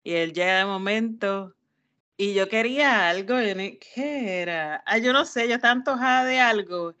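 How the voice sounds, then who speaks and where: A woman's voice: medium pitch, moderate pace. A woman, co-hosting a casual podcast chat and acting out her family's lines as she tells stories. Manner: animated storyteller, acts out family members' voices. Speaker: podcast co-host.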